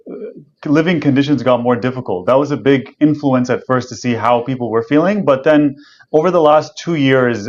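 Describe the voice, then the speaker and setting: A man's voice: mid-range voice, muffled recording. A man from Canada, a political candidate, talking about his background in a thoughtful, conversational way. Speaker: election candidate being interviewed. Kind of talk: interview answers.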